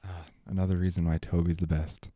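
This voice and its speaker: A man's voice: sits low, flat delivery, a little fast, warm tone, no room sound, clean studio sound. A man co-hosting a casual movie review chat, opinionated and sarcastic. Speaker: podcast co-host.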